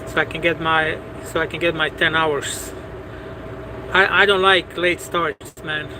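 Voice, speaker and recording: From a parked truck, a Bosnian truck driver and livestream host answers viewers in loose, rambling chat, piling up "you know"s and repeating himself. His voice is a little high for a man, unhurried and fairly even, with air-conditioning hum and passing vehicles clearly audible in the cab.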